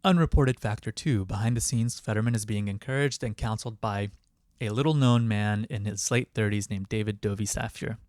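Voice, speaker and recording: A man's voice: fairly low pitch, brisk, few pauses, a little mellow, no echo, clean studio sound. A young man co-hosting a podcast, in casual chat, hesitant, with many restarts and fillers. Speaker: podcast co-host.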